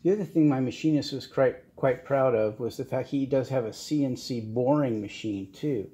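A middle-aged man giving a casual workshop how-to, talking in a halting way with many fillers and restarts. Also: mid-range voice, warm tone. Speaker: channel host restoring cars. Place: home garage workshop, indoors.

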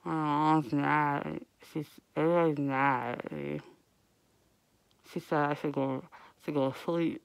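A woman's voice: low-pitched, little pitch movement, takes it slowly, gravelly, clear, resonant tone, no echo, rough recording. A young woman talking with her mouth full of gauze, mumbling a groggy casual message.

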